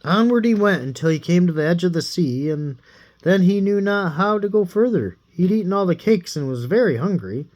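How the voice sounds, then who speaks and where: A man reading a fairy tale aloud in a playful, animated way. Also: sits high, moderate pace. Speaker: storyteller.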